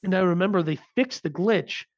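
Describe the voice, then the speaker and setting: A man's voice: high voice, a little fast, no echo, lo-fi sound. A man in his thirties co-hosting a podcast, telling a story casually with lots of restarts. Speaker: podcast co-host. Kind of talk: casual chat.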